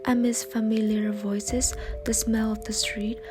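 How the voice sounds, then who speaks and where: A young woman from Vietnam, a postgraduate student, reading a reflective personal narration in a soft, often near-whispered voice over faint music. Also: a little high, little pitch movement, unhurried.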